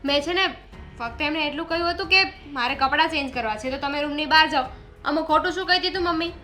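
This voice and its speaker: A woman's voice: sits high, fast, sharp tone, soft background music. An actress playing a young daughter-in-law who argues back defensively with her mother-in-law. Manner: argumentative, defensive. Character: defiant young daughter-in-law, sharp-tongued.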